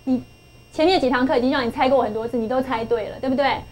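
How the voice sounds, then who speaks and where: High-voiced woman teaching a patient lesson. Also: fast, a little mellow. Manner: patient, coaxing, repeats herself and asks for answers. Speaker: English phonics teacher. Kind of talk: classroom lesson.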